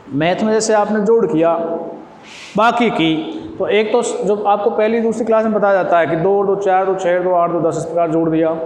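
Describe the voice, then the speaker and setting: A man teaching a school lesson, speaking slowly and repeating phrases as if dictating notes. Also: sits high, a little mellow. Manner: slow, repetitive dictation pace. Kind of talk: classroom lesson. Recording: echoey classroom with long reverb, faint noise.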